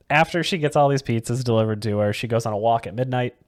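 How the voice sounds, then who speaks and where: A man's voice: mid-range voice, a little fast. A man co-hosting a casual movie-review podcast, who laughs often as he talks. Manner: giggly, laughs often mid-sentence. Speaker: podcast co-host.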